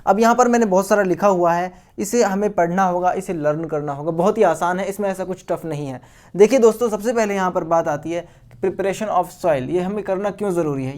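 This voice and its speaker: A man's voice: high voice, a little mellow. Man teaching, asking and answering himself. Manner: asks questions and answers them himself; repeats key terms and calls students guys and beta. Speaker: science teacher. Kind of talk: video lecture for school students.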